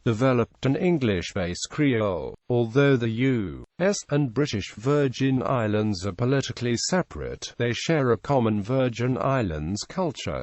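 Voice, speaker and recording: Man reading in a dry, measured narration. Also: mid-range voice, a little mellow, dry recording. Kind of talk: scripted narration, reading an encyclopedia article aloud.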